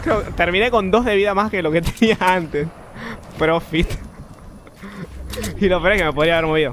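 A young man with an Argentine accent, chatting and swearing freely while streaming a game, now and then bursting into shouts. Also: a little high, a little hiss or hum. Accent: Argentine Spanish. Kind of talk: live game commentary.

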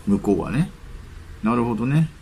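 A man's voice: mid-range voice, expressive, normal speed, warm tone, a little hiss or hum. A man hosting his own channel, reading celebrity news items aloud and breaking off into chatty, musing asides. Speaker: channel host. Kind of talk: casual commentary on celebrity news.

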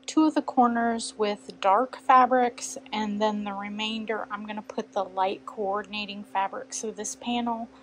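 In her sewing room, a quilting channel host chats and thinks aloud while measuring and cutting fabric at her cutting table. Her voice sits at a medium pitch, and the audio is poor with slight background noise.

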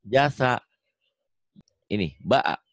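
A man teaching a beginner's Quran reading lesson over a video call, modelling syllables loudly and coaxing his student with jokes. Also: mid-range voice, animated, drawn-out words, creaky, no echo, clean studio sound. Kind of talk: online one-on-one reading lesson.

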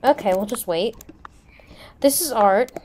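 A woman with a somewhat high, slightly mellow voice speaks at a measured pace, lightly acting as an attentive school teacher and lunch server at a private school in a casual improvised game roleplay. She's in a helpful, explaining mood, recorded on a noisy home mic with room ambience.

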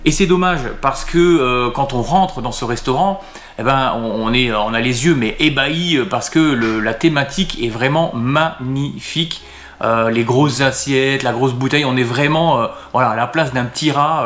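A man's voice: medium pitch, fairly bright tone, roomy sound, a little hiss or hum. A man talking casually to camera as a restaurant vlogger, hesitant and full of fillers and restarts.

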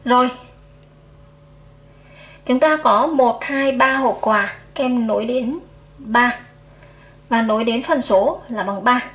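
Female teacher, slightly high voice, patient counting for first graders. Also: fairly bright tone. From Vietnam. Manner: slow, patient counting aloud to children. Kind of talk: first-grade math lesson.

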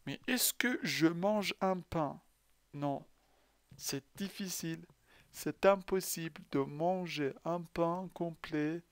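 A man teaching a French grammar lesson, speaking slowly and patiently with a slightly high, smooth voice. He asks questions and answers them himself, and his first language is Persian. The sound is close and dry. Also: dry recording.

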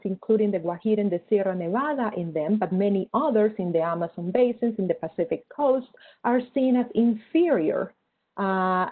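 Woman, tinny video call. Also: on the high side. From Colombia. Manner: earnest, explanatory, many fillers like "kinda like" and "right?". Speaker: guest historian. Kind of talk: academic seminar talk and Q&A.

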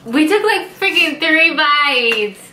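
A woman's voice: high-pitched, animated, slow pace, pushed and bright. A young woman chatting in casual slang and suffering, her mouth burning from spicy food. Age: young adult. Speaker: vlogger doing a food challenge. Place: small indoor room at a table. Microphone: camera a short distance away. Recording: roomy echo, faint background noise.

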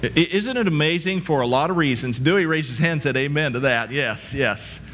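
A middle-aged pastor preaches a sermon while walking about a church stage, repeating rhetorical questions and often stammering and restarting his words. His voice sits on the high side, fairly bright and expressive, at a fairly quick pace, with a little hiss or hum.

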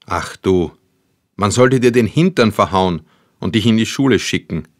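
A man's voice: deep voice, normal speed, lightly acted. A man voicing an angry, defiant young woman who snaps back. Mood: scornful. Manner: defiant, snapping.

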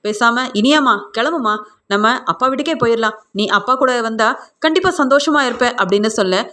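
An angry middle-aged father lays blame on his ex-wife in a hectoring, accusing way, read out by a woman narrator. The voice stays high and plain. It belongs to a spoken retelling of a TV serial. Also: fairly quick, sharp tone.

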